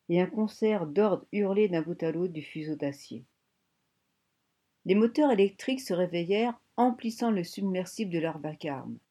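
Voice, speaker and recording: A woman reading a novel aloud as an audiobook narrator, in a measured storytelling manner. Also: on the low side, dark tone. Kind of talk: scripted narration.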